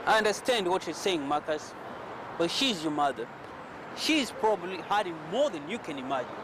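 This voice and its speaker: An actor playing a calm friend who reasons with the young man, in an indie film drama. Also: sits high, moderate pace, background noise. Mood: reasoning.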